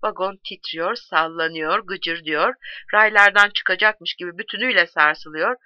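A woman reading a novel aloud in a measured, expressive way. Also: on the low side, no echo, muffled recording. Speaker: audiobook reader.

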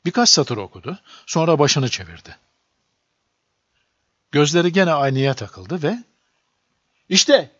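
A man narrating a children's storybook aloud in a lively, expressive reading. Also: medium pitch, breathy edge, no room sound. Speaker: audiobook narrator. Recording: dull lo-fi dry recording.

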